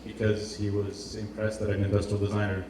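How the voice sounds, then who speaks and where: His voice is lowish and monotone, and he talks fairly quickly. He's a Portuguese designer giving a casual presentation, stumbling and repeating words as he looks for phrasing. The sound is a noisy live recording from an echo-heavy indoor event hall, roomy and far from the mic.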